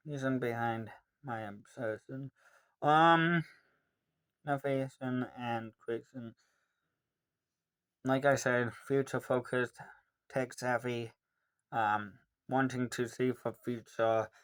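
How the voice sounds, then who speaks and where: Slow, hesitant teenage guy. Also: medium pitch. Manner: rambling, hesitant, many ums. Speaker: vlogger answering questions. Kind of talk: casual Q&A monologue.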